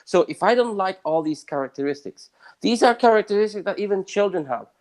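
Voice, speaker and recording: A man from Southern Italy, talking as a guest in a casual interview, emphatic and swinging widely in pitch and loudness. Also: expressive, brisk.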